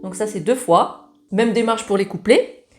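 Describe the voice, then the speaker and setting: A woman's voice: medium pitch, moderate pace, loud music behind the voice. A woman giving a casual ukulele lesson, talking in a chatty, familiar way while strumming along. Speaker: ukulele teacher. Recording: loud ukulele playing along.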